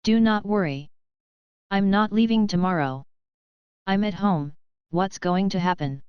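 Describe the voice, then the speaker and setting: A woman voicing a calm, content elderly female cat who speaks in a measured, reassuring way. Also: medium pitch, smooth, no room sound, lightly acted. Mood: serene. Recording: dull, muffled sound.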